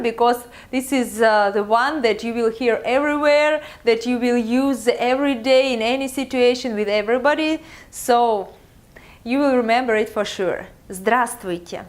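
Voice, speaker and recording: A young woman with a Russian accent teaching a beginners' language lesson slowly, with many filler pauses. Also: fairly high pitch. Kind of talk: slow, careful video lesson.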